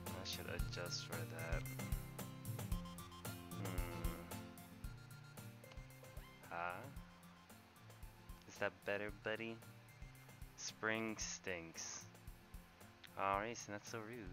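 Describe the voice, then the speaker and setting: A man casually commenting while streaming a game, talking in a quiet, monotone, deadpan way. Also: low voice, very slow, long pauses, over music.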